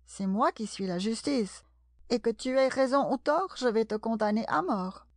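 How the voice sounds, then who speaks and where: A woman's voice: fairly high pitch, lively intonation, normal speed, dry recording, studio quality. A woman reading aloud and voicing a spiteful male dog in a storybook rhyme. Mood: gloating. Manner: gloating.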